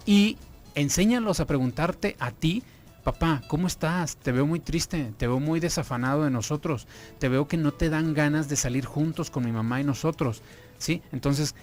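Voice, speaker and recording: A man speaking as a guest on a radio talk show, explaining earnestly and asking many rhetorical questions. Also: a little high. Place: radio studio.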